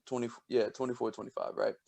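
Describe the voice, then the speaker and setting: Gravelly man telling stories, laughing. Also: mid-range voice, flat delivery, fast talker, a little mellow. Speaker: podcast co-host, scientist. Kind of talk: casual storytelling chat.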